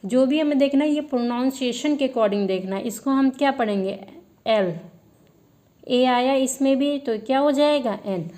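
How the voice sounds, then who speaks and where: A woman's voice: high voice, normal speed, warm tone. A woman teaching an English grammar lesson, asking her students questions and answering them herself, and repeating the key words as a drill.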